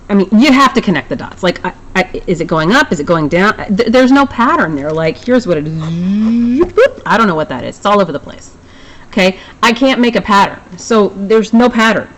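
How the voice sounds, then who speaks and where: Casual woman teacher, mid pitch, chatty with jokey asides. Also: sing-song, brisk, rough recording. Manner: chatty, self-deprecating asides. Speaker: math teacher. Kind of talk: recorded classroom lesson.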